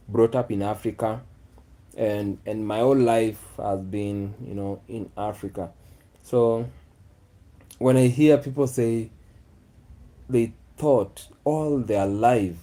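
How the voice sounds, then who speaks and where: A man's voice: medium pitch, warm tone. A man, chatting casually with his viewers in a musing way, often repeating his phrases. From Kenya. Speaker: vlogger. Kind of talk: casual live chat with viewers.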